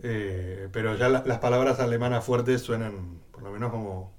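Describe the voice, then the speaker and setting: A man's voice: lowish voice, moderate pace, darkish tone. Reflective Argentine man, hesitant. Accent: Argentine Spanish. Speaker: guest. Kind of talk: casual interview.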